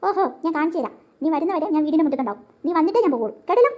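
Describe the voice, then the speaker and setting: A woman's voice: sits high, lively intonation, very fast, highs cut off. A woman voicing a bossy, stubborn young cartoon girl who scolds and makes demands.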